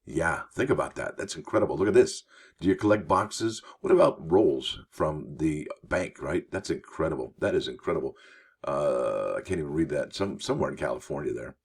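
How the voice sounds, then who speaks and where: Deep husky-voiced man hosting coin news. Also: lively intonation, normal speed. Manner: chatty, enthusiastic, reads articles aloud with asides. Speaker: coin news show host. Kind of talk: casual news commentary.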